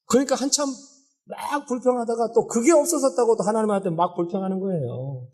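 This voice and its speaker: Male pastor, sermon, husky tone, pitched a little high, lively storyteller who questions the congregation. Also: brisk. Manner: lively storytelling preacher, asking the congregation questions and acting out quotes.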